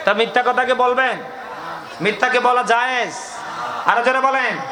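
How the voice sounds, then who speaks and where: High-voiced preacher, echoey open-air sermon. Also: male voice, moderate pace. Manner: call-and-response, prompting the crowd to answer. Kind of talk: Bengali waz sermon. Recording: echoey PA sound with crowd noise.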